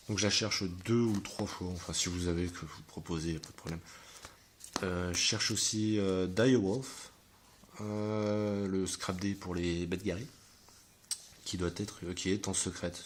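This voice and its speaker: A man with a very low voice chats casually to viewers about his card binder. He rambles and hesitates often, filling pauses as he goes, with a faint hiss behind him. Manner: hesitant and rambling, many fillers.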